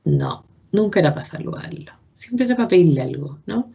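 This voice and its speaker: Low, gravelly Chilean woman teaching. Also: a little fast, highs cut off, background noise. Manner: animated storytelling, quotes the people she describes. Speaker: therapist teaching a workshop. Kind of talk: informal lecture with case story.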